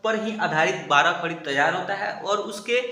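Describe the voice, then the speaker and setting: A man from India teaching a spelling lesson, slowly spelling out syllables and explaining patiently. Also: sits high, sharp tone, roomy sound. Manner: slow repeated spelling-out, explanatory.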